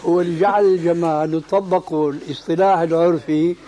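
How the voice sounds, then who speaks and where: A religious scholar teaches with firm, emphatic corrections. His voice sits somewhat high for a man yet sounds warm and mellow. He often tosses out a question and answers it himself. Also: fairly even intonation, fast talker.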